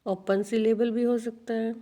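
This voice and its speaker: Woman teaching slowly. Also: fairly high pitch, level tone, warm tone. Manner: repeats words slowly, addresses students as children. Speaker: English teacher. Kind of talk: teaching a video lesson.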